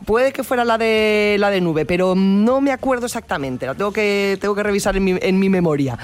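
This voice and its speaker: A woman with an accent from Spain, a chatty radio host in casual conversation who often repeats words in quick runs. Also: medium pitch. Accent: Spanish from Spain. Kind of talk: casual radio interview chat.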